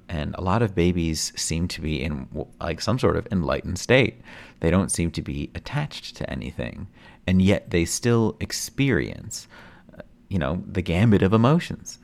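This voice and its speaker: A man's voice: a bass voice, gravelly. A man hosting a stream-of-consciousness podcast, musing reflectively in a rambling way with many fillers and restarts. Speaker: podcast host.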